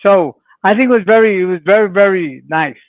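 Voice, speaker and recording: A man's voice: high-pitched, fairly quick, dry recording. A man hosting a boxing talk show from a remote line, making short, emphatic remarks. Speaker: show host. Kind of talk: casual boxing chat. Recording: tinny phone-like line.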